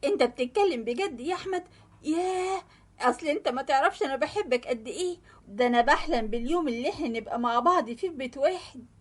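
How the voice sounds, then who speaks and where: A woman's voice: high voice, expressive, fast. A woman with an Egyptian accent voicing a young woman who pleads and begs. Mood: tender. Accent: Egyptian Arabic. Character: young woman, lovesick then frightened.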